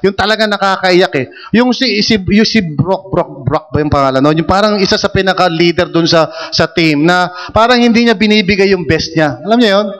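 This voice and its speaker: High-voiced man preaching in an echoing hall. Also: fairly quick, hardly any pauses, a bit bright. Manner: conversational, teasing and questioning the congregation. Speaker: pastor. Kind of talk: sermon. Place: church hall. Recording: long hall reverb.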